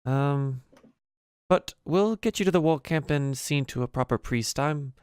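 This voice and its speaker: A man voicing a calm, practical female elf field medic, speaking in a hesitant, matter-of-fact way. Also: on the high side, measured pace, clean tone, no room sound, clean studio sound, lightly acted. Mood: apologetic.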